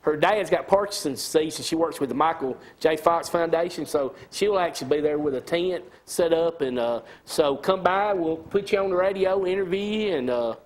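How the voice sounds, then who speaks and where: A man with a Southern American accent, a radio host chatting in a quick, easygoing way. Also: fairly high pitch. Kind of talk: casual chat.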